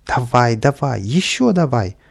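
A man's voice: mid-range voice, normal speed. A man voicing a mischievous, bossy little sprite who eggs a boy on in a children's audiobook. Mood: gleeful. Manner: excited, coaxing, shouting orders. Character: mischievous impish male sprite, bossy troublemaker.

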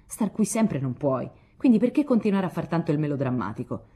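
A woman's voice: sits low, a little fast, breathy edge, full character voice. A woman reading aloud, voicing a spirited young woman who coaxes and teases a friend. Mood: coaxing. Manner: coaxing, lively.

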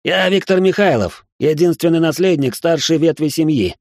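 A man's voice: fairly high pitch, lively intonation, brisk, a little mellow, no room sound, studio quality, voice pushed up, lightly acted. A man voicing a hot-tempered, arrogant young male heir in an audiobook, barking his questions angrily. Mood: angry, barking. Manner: angry barking.

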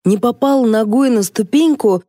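Woman narrating a comic audiobook, dark tone. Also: fairly high pitch, measured pace, no room sound, clean studio sound. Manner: lively, ironic storytelling. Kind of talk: first-person audiobook narration.

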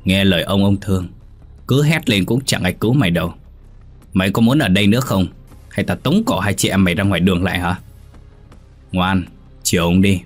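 A drunken, domineering old village chief who talks with a heavy, slurred drawl, as a man puts him on. The voice sits very low and husky, and faint music plays behind it in a storybook horror tale. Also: a little fast, pauses often. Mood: gruff drawl.

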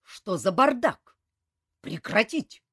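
A woman's voice: low-pitched, very animated, a little slow, darkish tone, husky, no echo, studio quality, full character voice. A woman reading an audiobook, voicing a stern male army colonel who barks orders. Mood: commanding. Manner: barking orders.

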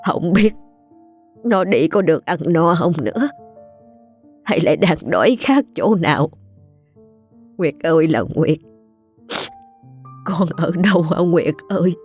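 A woman's voice: deep voice, moderate pace, darkish tone, soft background music. A woman voicing a tearful, grieving rural mother. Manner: tearful, pleading.

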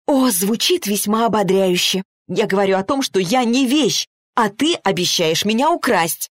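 A woman's voice: medium pitch, animated, normal speed, no echo, studio quality, natural voice. Woman narrator doing a proud young heroine in a romance read-aloud, raised and indignant. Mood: pleading.

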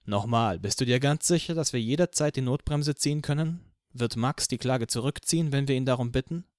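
A man reading an audiobook, voicing a calm, dry-humoured male friend who speaks in an understated murmur. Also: medium pitch, fairly quick, dry recording, natural voice.

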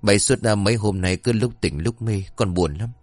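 A man's voice: on the low side, brisk, darkish tone, no echo, soft background music, natural voice. Man doing a tearful young daughter. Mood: worried. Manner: sobbing, urgent.

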